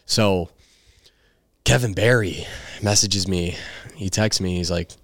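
A young man, a baseball player, casually telling his story as a podcast guest, animated and swearing freely. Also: low voice, slow, no echo, clean studio sound. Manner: animated, swears freely, acts out quoted voices.

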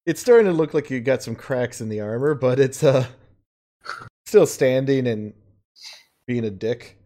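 A man's voice: medium pitch, lively intonation, dark tone. Male game master, casual and swearing. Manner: casual, swears freely, quick bursts of narration. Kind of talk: narrating a tabletop game over voice chat.

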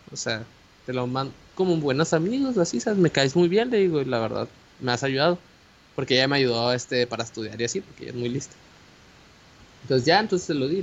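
A young man with a Mexican Spanish accent telling a personal story in casual chat, animated and slangy, with many fillers and restarts. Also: mid-range voice. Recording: dull lo-fi audio with faint hiss.

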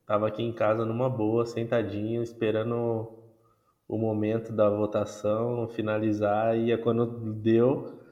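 A man from Brazil hosting a podcast, relaxed and casual, laughing now and then as he talks. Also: fairly low pitch, measured pace. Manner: relaxed, laughs while talking. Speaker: podcast host. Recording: dull, echoey room sound.

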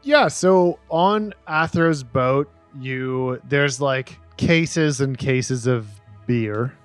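A man narrating as game master of a tabletop role-playing game, relaxed and quick to laugh. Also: mid-range voice, clear, resonant tone, no echo, soft background music. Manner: relaxed, laughs easily, voices side characters.

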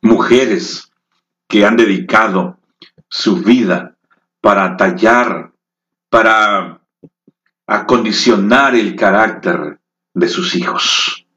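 A man preaching a sermon in slow, emotive storytelling that rises into dramatic peaks. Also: lowish voice, bright, forceful tone. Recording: echoey, dull lo-fi room.

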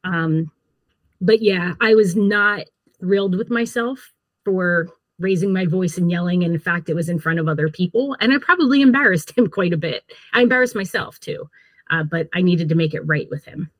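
A woman's voice: fairly low pitch, animated, normal speed, dry recording. A woman in her forties, a podcast guest, telling a candid and self-deprecating story about her family.

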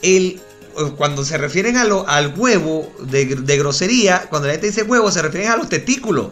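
Venezuelan man, joking co-host with slang, fairly high voice, light music bed. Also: expressive, normal speed, fairly bright tone. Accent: Venezuelan Spanish. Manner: joking, swears freely, tells anecdotes. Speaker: podcast co-host. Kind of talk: casual chat. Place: living in Chile.

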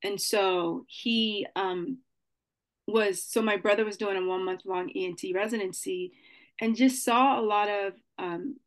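Woman from Nigeria, mid-pitched, thoughtful and halting, filler-heavy. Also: steady tone. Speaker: guest, nonprofit CEO. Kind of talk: casual interview answers.

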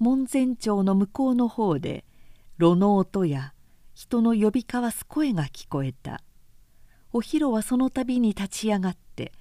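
A woman narrating a classic novel in a slow, measured audiobook reading, close to a studio mic. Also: mid-range voice, dark tone, no room sound.

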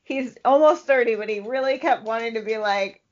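Brisk and fairly high-pitched, a chatty woman co-hosting a podcast spins casual stories packed with "like." The recording sounds dull, with lo-fi podcast quality.

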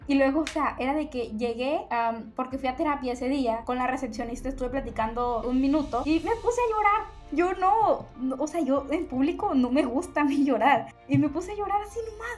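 A young woman with a Mexican accent, chatting casually and telling emotional stories full of slang. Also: sits high. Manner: emotional, animated storytelling with slang. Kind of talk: casual chat.

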